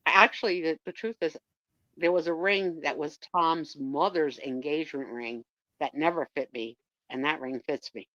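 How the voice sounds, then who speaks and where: Woman, lowish voice, dull lo-fi sound, casual rambling chat. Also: moderate pace, a bit bright, no room sound. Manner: rambling, personal storytelling. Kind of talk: casual live-stream chat.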